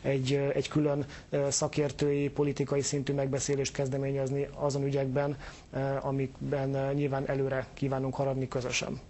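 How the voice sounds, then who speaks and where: A man's voice: medium pitch, monotone, a little mellow, slight background noise. A man answering interview questions as a government official, hesitant and full of filler sounds.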